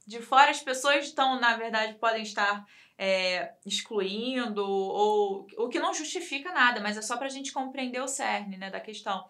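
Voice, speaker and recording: A woman with a Brazilian Portuguese accent discussing a case on a talk program, reflective and thinking aloud with pauses. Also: on the high side, fairly bright tone.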